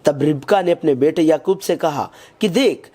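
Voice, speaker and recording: A man reading a scripted Bible lesson in a measured, even way, quoting scripture as he goes. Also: a little high. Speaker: Bible study narrator.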